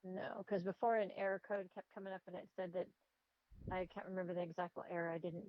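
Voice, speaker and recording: A woman's voice: fairly low pitch, little pitch movement, fast talker, a little hiss or hum. A woman on a video call, speaking hesitantly with many ums and trailing off, heard through the call on a screen recording. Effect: heard over a video call on a screen recording. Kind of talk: casual troubleshooting chat. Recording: dull, muffled call audio.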